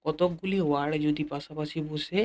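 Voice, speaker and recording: A man teaching an English lesson in a Bengali accent, repeating key phrases slowly and speaking directly to his students. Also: fairly high pitch, steady tone, a little mellow. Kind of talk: classroom-style lesson explanation.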